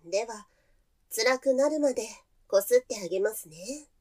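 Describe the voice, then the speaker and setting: A woman voicing a possessive, devoted adult woman who has waited centuries for a hero, speaking slowly in a sweetly polite, softly menacing way. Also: on the high side, expressive. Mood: teasing. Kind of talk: adult audio drama role-play.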